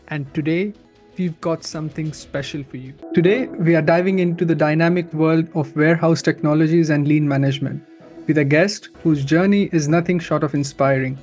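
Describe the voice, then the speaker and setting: A man hosts an interview show in an upbeat, polished presenter's voice. His pitch sits a little high for a man. He reads a scripted introduction, then moves into friendly questions. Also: a little mellow. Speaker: podcast host.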